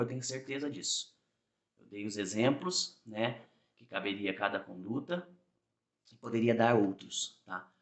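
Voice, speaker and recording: A man's voice: lowish voice, fairly bright tone. Brazilian man explaining with "tá?" tags. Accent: Brazilian Portuguese. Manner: conversational, frequent "tá?" tag questions; acts out examples with small voiced asides. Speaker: driving exam instructor. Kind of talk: explanatory video lesson.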